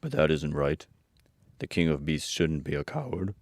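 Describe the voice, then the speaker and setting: A man's voice: extremely low pitch, sing-song, normal speed, no room sound, studio quality, full character voice. A man voicing a simple, matter-of-fact scarecrow in a storybook reading. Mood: blunt. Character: blunt, simple straw-stuffed male scarecrow.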